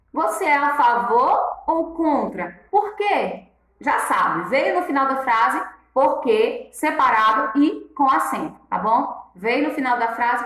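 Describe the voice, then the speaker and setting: A woman's voice: high-pitched, a bit bright, reverberant, poor audio. A woman teacher going through exercise answers one by one, patiently repeating each rule and checking in with her students. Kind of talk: classroom lesson, correcting exercises.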